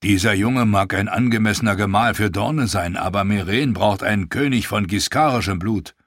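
A man reading an audiobook, voicing a scowling commander who speaks gruffly. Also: normal speed, a bit bright, dry recording, clean studio sound. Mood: grim. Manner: gruff, low. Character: grim scowling male commander.

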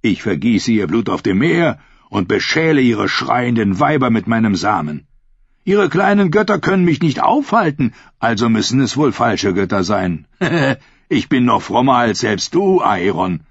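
A smug, silky pirate king who taunts and mocks with a lively, swinging pitch, as a man reads him aloud. The voice is a little husky and dry, recorded dull and lo-fi. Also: moderate pace, no room sound, exaggerated voice. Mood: taunting. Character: smug, mocking one-eyed pirate king, adult man.

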